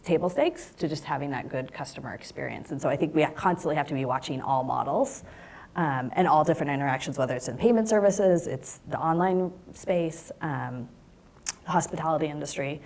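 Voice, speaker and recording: A woman's voice: low voice, a little fast, creaky, darkish tone. A woman in her thirties speaking as a panelist in a lecture hall on a lapel mic, thoughtful and gesturing as she explains. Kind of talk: panel discussion.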